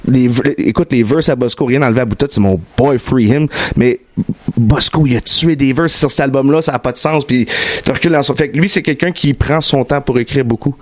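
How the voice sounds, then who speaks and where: A man's voice: mid-range voice, fairly quick. A young man with a Quebec French accent, chatting in a radio interview, slangy and mixing in English words. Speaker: rapper guest. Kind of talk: casual radio interview chat. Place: radio studio.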